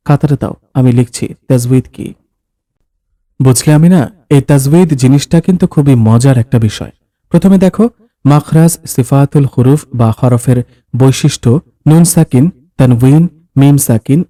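A man's voice: mid-range voice, mellow, dry recording. A man reading a story aloud, voicing a husband who patiently explains things like a teacher, recorded close in a dry booth. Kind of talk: scripted story narration of dialogue.

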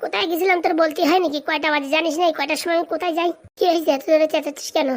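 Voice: extremely high pitch, steady tone, rapid-fire. A voice actor playing a blunt, scolding uncle. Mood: irritated. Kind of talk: comic cartoon voice acting.

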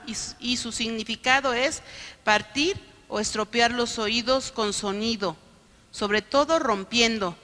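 A woman pastor preaching a sermon, often checking in with the congregation with quick questions. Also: fairly high pitch, sharp tone. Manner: keeps asking the congregation "¿no?". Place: church sanctuary. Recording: long reverb of a church hall.

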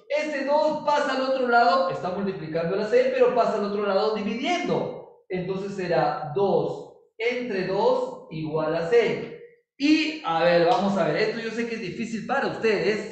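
In a recorded classroom lesson, a male chemistry teacher explains things step by step in a playful, teasing manner, asking his class many check questions. His voice is high and swings around with liveliness. He sounds far from the mic in a very echoey room.

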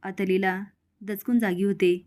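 A woman narrates a recap of a TV serial episode. She moves along at a quick, steady clip and reads each character's lines in the same plain voice she uses for the story. Her pitch sits in the ordinary middle range for a woman.

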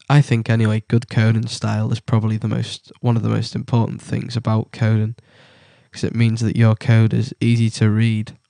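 A young British man with a cold talks through a coding tutorial, stopping often with ums and likes. His voice sits low and flat with a mellow tone. The sound is dry and close. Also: vocal fry, no echo. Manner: halting, many ums and likes. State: has a cold. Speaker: tutorial presenter. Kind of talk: casual screen-recorded coding tutorial.

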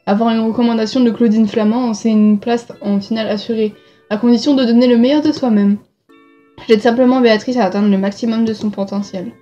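A woman's voice: on the high side, steady tone, brisk, mellow, lo-fi sound, soft background music, natural voice. A woman reading the lines of a confident young female singing coach in a game, polished and self-assured.

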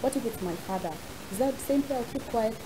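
A young woman, presenting a segment in casual studio chat, animated and quick to laugh. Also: on the high side, background noise. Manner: animated, laughs often, acts out quotes. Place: TV studio, seated with co-hosts.

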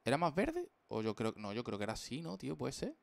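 A young man from rambles playfully to his viewers during a live drawing stream. His voice is rough and gravelly, sitting at a middle pitch. The sound is close and dry, with no room echo. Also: huge pitch swings, quick pace. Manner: playful, slangy, jokey rambling. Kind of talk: casual live-stream chat while drawing.

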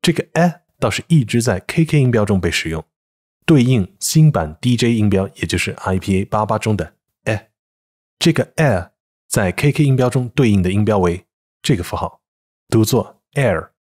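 A man with a fairly low, slightly husky voice explains pronunciation points in a calm, even scripted voice-over. He slows right down to demonstrate example words one by one, clear and deliberate. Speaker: English pronunciation teacher.

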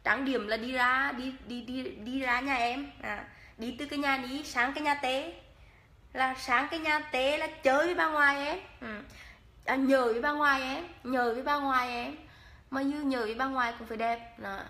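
Woman vlogger, northern Vietnamese accent, high bright voice, jokey makeup chat. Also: fairly even intonation, normal speed. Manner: playful and teasing, laughs often. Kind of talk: casual makeup vlog chat.

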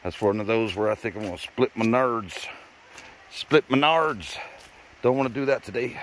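Talking to the camera while hiking a forest trail, a middle-aged man jokes and encourages his family in relaxed vlog chatter. He speaks at normal speed in a mid-range voice, with slight hiss or hum in the recording.

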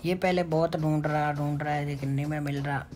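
A man giving casual commentary over his own mobile game matches, excitable and muttering to himself. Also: on the high side, brisk. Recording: noisy with game gunfire behind. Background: gunfire and game sounds.

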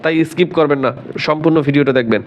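A man teaching Quran recitation, spelling words out letter by letter, quizzing learners, and chanting verses slowly and drawn out. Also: a little high, slight background noise. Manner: drills letter by letter, asks learners questions, slow drawn-out chanting.

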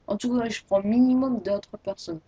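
A teenage girl chats through a casual gaming announcement in a husky, breathy voice. She rambles, restarts her sentences and fills gaps with hesitations. The sound is dry and close, with no room around it. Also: on the high side, fairly even intonation, a little fast, warm tone, dry recording, dull audio. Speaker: Minecraft YouTuber.

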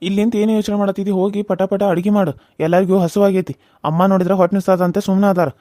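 A man's voice: high voice, steady tone, very fast, warm tone, no room sound, studio quality, lightly acted. A man voicing a bullying, hot-tempered husband. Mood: domineering. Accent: North Karnataka Kannada. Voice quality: bossy, threatening. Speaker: voice actor. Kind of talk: cartoon serial voice acting.

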